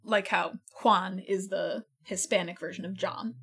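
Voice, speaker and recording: A woman's voice: mid-range voice, fairly even intonation, a little slow, fairly bright tone, husky. A woman hosting a radio show from a living room studio, chatty and patient as she explains words, often laughing. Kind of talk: casual chat.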